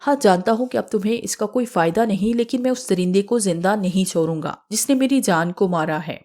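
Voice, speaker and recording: A woman's voice: medium pitch, darkish tone, lightly acted. A woman voicing a young male student, grieving and vengeful over his murdered sweetheart, in an audiobook story. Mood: earnest.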